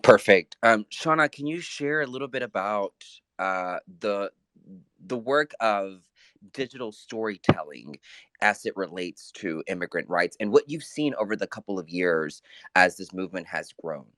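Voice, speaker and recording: A man's voice: lowish voice, expressive, moderate pace, fairly bright tone, no echo. A man moderating a panel, thanking guests and politely prompting them.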